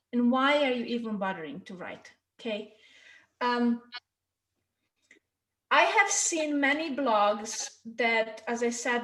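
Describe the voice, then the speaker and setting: In a reverberant recording, a woman from Hungary with a slightly high voice and Hungarian accent gives a chatty, informal marketing workshop online, frequently checking in with "okay?" and "right?".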